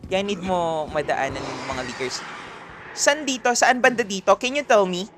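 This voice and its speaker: A man's voice: sits high, normal speed, fairly bright tone, slight background noise. A man with a Filipino accent doing livestream gameplay commentary, greeting chat viewers by name and mixing Tagalog and English. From Philippines. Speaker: streamer.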